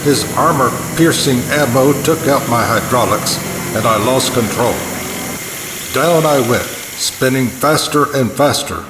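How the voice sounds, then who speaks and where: An actor playing a brooding, melodramatic war-veteran pilot hero in a 1950s sci-fi parody. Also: male voice, mid-range voice, a little slow, natural voice. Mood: dramatic recounting. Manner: overwrought, brooding, dramatic storytelling. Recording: echoey hall, clearly noisy.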